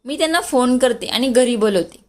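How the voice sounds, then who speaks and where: A woman's voice: fairly high pitch, expressive, fairly quick, natural voice. A woman voicing a shy, polite young wife in a storybook reading.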